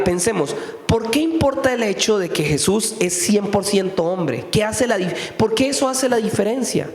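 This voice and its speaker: A man preaching a sermon in a conversational way, firing off rhetorical questions at his listeners. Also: sits high. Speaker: pastor. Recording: echoey hall with long reverb.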